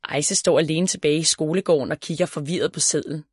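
A woman reading a children's story aloud in a calm, even storytelling voice. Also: low voice, slightly rough, no room sound, studio quality. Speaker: narrator.

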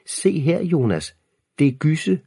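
A man's voice: fairly high pitch, sing-song, vocal fry, dark tone, slightly rough, dry recording, studio quality, voice pushed up, exaggerated voice. A man putting on a squealing little girl. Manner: squealing, whiny. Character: bratty shrill little girl, doting on animals.

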